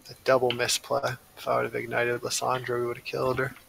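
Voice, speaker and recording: A man giving casual gameplay commentary, reacting with quick exclamations over the match. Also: medium pitch, completely flat delivery, creaky, very noisy. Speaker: gamer.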